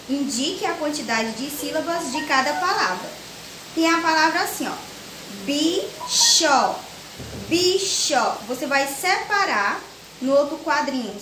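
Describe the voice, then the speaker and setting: A young woman with a Brazilian Portuguese accent teaching a children's grammar lesson, slowly and patiently breaking words into syllables. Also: sits high, fairly bright tone. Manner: slow, patient, spells syllables out one by one. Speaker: primary school teacher. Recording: echoey room with faint hiss.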